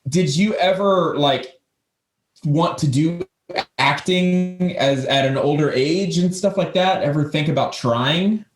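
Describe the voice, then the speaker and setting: Man, podcast co-host, upbeat, stumbling restarts, slightly high voice, echoey room. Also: slow, soft background music. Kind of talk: casual podcast chat.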